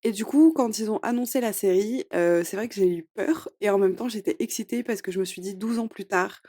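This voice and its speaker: A woman's voice: medium pitch, brisk, mellow. A young woman hosting a solo podcast, reviewing shows in a chatty, hesitant way with many fillers. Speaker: podcast host.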